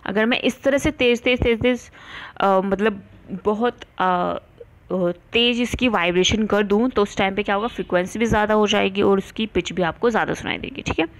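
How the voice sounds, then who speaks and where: Woman, science teacher, mid-range voice, question-and-answer lecturing, slow deliberate textbook reading. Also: mid-range voice. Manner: explains in Hindi mixed with English terms, asks and answers her own questions; reads textbook lines slowly and deliberately. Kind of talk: classroom lecture for students.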